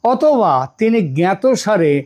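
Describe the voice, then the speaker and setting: A man's voice: high-pitched, animated, measured pace, a little mellow. A man delivering a political commentary monologue, posing rhetorical questions and restating terms to explain them.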